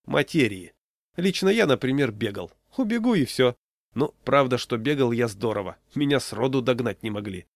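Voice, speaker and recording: A sly, worldly man gives cheeky advice in a lecturing way, as a man reading a comic story puts him on. He talks louder and higher than a plain voice. The recording is close and dry. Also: lively intonation, moderate pace, vocal fry, dry recording. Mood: boastful.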